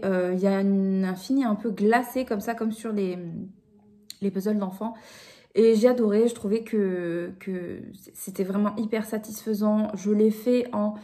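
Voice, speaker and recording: Chatty mellow-voiced woman vlogger. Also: medium pitch. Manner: chatty, many fillers and restarts. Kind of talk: casual craft vlog.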